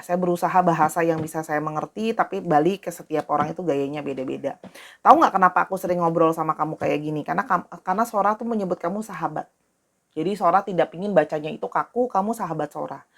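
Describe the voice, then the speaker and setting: With a low voice and vocal fry, a tarot reader chats through a casual reading. She speaks directly and warmly to her viewers, often repeating herself.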